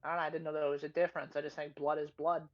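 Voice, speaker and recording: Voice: mid-range voice, level tone, very fast. Tabletop player, thinking aloud, rambling theories, muffled lo-fi mic. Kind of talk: in-character tabletop role-play.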